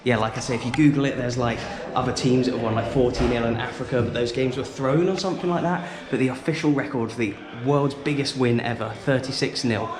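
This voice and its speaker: Talking fast and barely pausing, a medium-pitched man presents a casual football vlog, chatting keenly to the camera in a relaxed travel-vlog style. A crowd can be heard behind him, and the outdoor recording is noisy with wind or traffic.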